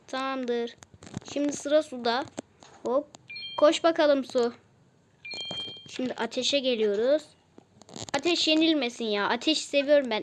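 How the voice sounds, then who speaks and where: A woman with a high-sitting voice, accompanied by a little hiss or hum, casually comments on a mobile game as she plays. She is chatty and easily exasperated, often repeating herself.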